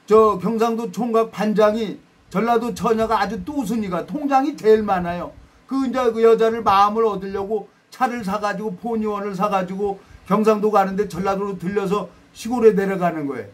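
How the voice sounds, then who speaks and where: A man preaching a sermon, reading scripture and telling folksy stories with dramatic quoted voices and self-deprecating asides. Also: high-pitched.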